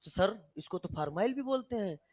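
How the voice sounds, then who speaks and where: A man's voice: high-pitched, expressive, brisk, a little mellow, no room sound, clean studio sound. A male teacher voicing a confused student who pleads to write the name his own way. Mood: pleading.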